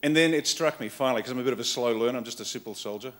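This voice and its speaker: Racing through a political keynote in a medium-pitched voice, an Australian man addresses a live crowd in a conference hall. He talks in short, punchy bursts, blunt and wry.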